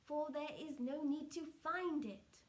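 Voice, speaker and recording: A woman with a high voice speaks as a trance-channelling medium at a seance. Solemn and measured, she relays spiritual messages in short, halting phrases.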